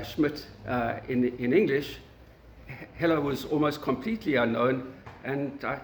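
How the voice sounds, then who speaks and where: A South African guest lecturer with a South African accent and a medium-pitched voice gives an academic lecture in a university meeting room. He halts often, with fillers and restarts, and the room sounds echoey.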